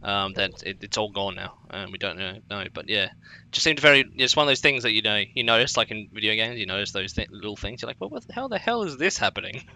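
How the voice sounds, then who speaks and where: A man co-hosting a casual gaming let's play with a very bright, sharp tone and a slightly low pitch. He rambles and chats freely, circling around his points. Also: fast talker. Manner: rambling, many fillers and restarts, chatty. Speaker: co-host.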